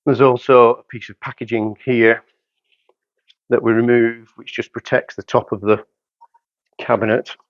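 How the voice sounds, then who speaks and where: The muffled recording has no echo and captures a mid-range voice with little pitch movement, measured pace, and long pauses. A hi-fi dealer in his fifties gives a matter-of-fact, step-by-step setup demonstration in short phrases while working in a carpeted showroom.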